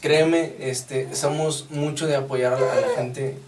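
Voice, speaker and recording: Animated Mexican podcast host. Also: male voice, a little high, unhurried. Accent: Mexican Spanish. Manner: animated storytelling, slangy. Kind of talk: casual podcast chat. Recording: distant mic with faint noise.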